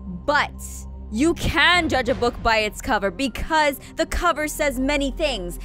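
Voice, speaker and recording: A woman playing a sassy, overconfident, bumbling young female lawyer in a courtroom role-play, theatrical, halting and self-important. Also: sits high, fairly bright tone.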